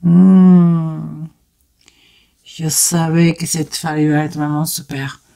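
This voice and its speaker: Here a beauty vlogger chats to her viewers during a casual makeup tutorial, talking straight at them as she works and exclaiming enthusiastically. Her voice is deep with a darkish tone, and she speaks at normal speed with a flat delivery.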